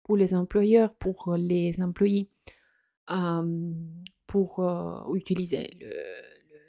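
A woman hosting a soft-spoken ASMR chat, speaking hesitantly in non-native French with slips and frequent fillers. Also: lowish voice, level tone, takes it slowly, no echo, clean studio sound. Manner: hesitant, many fillers and restarts. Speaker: ASMR channel host.

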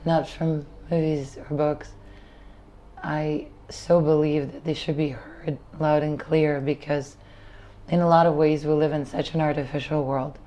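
Low, flat-voiced woman interviewer. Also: a little slow. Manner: admiring, reflective. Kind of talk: earnest interview talk.

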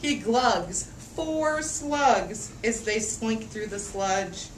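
Speaking very slowly in a slightly high, expressive voice, a woman reads a picture book aloud to kids with sing-song emphasis, lingering on rhymes and calling on the audience with questions. The recording is roomy and distant, with faint background noise.

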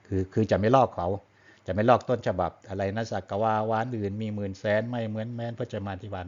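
A man's voice: fairly low pitch, steady tone, fairly quick, muffled recording. A male teacher giving a lesson, patient and explanatory, ending his phrases with polite particles. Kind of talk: classroom-style lesson on Thai poetry.

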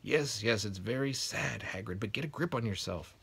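A man voicing an old, wise, calm wizard headmaster with a measured, wry delivery. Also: vocal fry, a little hiss or hum. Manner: lighter, raised pitch, measured and wry.

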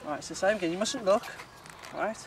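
A woman, presenting a guessing game for children with gentle, coaxing questions, recorded outdoors. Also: mid-range voice, brisk. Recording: distant mic with outdoor noise.

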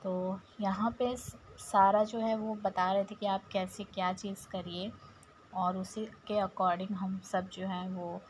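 A woman's voice: mid-range voice, flat delivery, slow, a little hiss or hum, rough recording. A woman with an Indian accent narrating her home vlog to viewers in a chatty, step-by-step way. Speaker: vlogger. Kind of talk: casual vlog voice-over.

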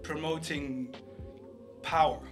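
A man's voice: fairly high pitch, steady tone, slow pace, faint music behind. A young Algerian man hosting a casual interview, talking hesitantly with many restarts and laughing often. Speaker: podcast host, English teacher.

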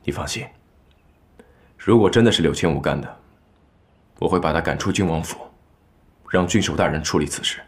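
A young actor playing a calm, reserved young nobleman who speaks in a steady, measured way in a period TV drama. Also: rumbling low. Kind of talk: dubbed TV drama dialogue.

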